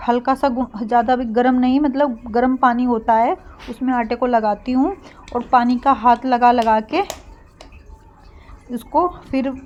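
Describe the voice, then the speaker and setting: A young woman narrating a casual home cooking vlog, speaking softly and getting a bit breathless when she pushes her voice. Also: fairly high pitch, muffled recording. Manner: soft-spoken, gets breathless when speaking loudly. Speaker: vlogger.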